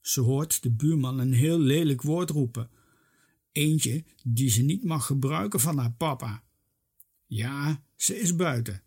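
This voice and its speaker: A narrator reading a children's story aloud with lively expression. The voice is husky and unhurried. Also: medium pitch.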